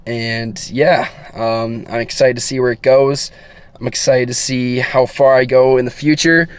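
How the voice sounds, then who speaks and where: A man's voice: mid-range voice, smooth. Earnest teenage boy vlogging, rambling. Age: teens. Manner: rambling, earnest, many fillers and restarts. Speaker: fitness vlogger. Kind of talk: casual talk to camera.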